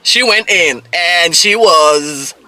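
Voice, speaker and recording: A man giving a casual, gossipy recap of a reality dating show, animated and quick to act out people's reactions. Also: fairly high pitch. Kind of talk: casual episode recap commentary.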